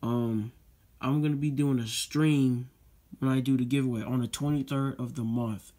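In this casual unboxing vlog, a teenage channel host speaks from a desk in a dark-toned, middle-pitched voice that stays steady at a moderate pace. His talk is rambling and full of "um" and "guys." He repeats the same requests over and over.

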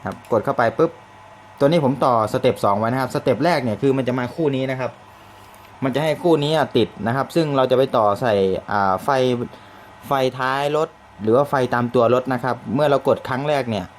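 A man's voice: mid-range voice, fairly quick. A man casually demonstrating a siren box, speaking politely and repeating phrases with many fillers, in a shop or workshop. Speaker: product demonstrator. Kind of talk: casual product demo. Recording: faint background noise.

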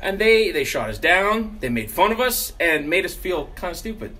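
A man's voice: high-pitched, big pitch swings, normal speed, pushed and bright. A man in his thirties griping as a guest in a casual comedic interview. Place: small indoor studio in front of a banner.

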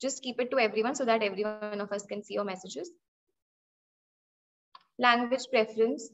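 At normal speed, in a slightly high and somewhat bright voice, a young Indian woman with an Indian English accent teaches data analytics in an online webinar. She illustrates with examples, poses questions to students, and frequently restarts or repeats phrases, with dull lo-fi audio from a laptop mic on a video call in an indoor room.

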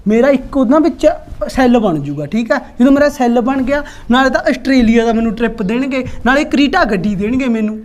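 A woman with an Indian Punjabi accent playing a boastful, scheming middle-aged village husband who bickers with rapid comebacks. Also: fairly high pitch, expressive, a little mellow, lightly acted. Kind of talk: comedy skit acting.

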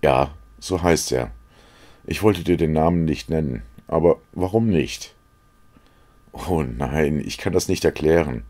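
A man's voice: very deep voice, unhurried, darkish tone. A man reading aloud as an earnest, secretive young painter who confides and pleads. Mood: earnest, confiding.

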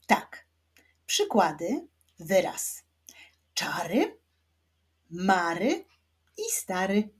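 A woman with a Polish accent teaching children to read, sounding out each syllable clearly. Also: lowish voice. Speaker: reading teacher. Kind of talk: children's reading lesson.

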